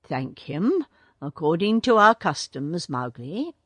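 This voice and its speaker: A woman voicing Bagheera, a stern male panther who talks in a dry, measured way. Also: lowish voice, big pitch swings, husky, dry recording, exaggerated voice.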